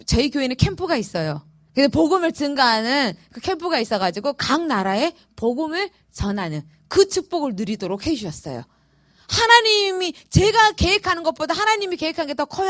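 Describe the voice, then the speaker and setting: A woman pastor preaching a sermon and telling her own story in an emphatic, expressive way. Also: high voice, dry recording, studio quality. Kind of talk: sermon with personal testimony.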